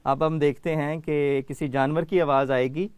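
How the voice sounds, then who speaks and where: A man's voice: on the high side, fairly even intonation, clear, resonant tone. A man hosting a children's education program, patiently calling on kids by name to answer quiz questions.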